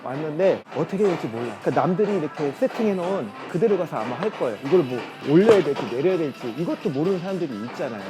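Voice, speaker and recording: A man's voice: fairly high pitch, expressive, quick pace, hardly any pauses, over music. A man working as a fitness coach, explaining gym machines in a casual, chatty way while demonstrating.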